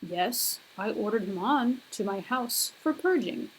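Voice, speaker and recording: A woman lecturer putting on a deeper, manly voice for a stern male god, speaking in a slow, measured way. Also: lively intonation, slightly rough, poor audio. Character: stern male god defending his deed.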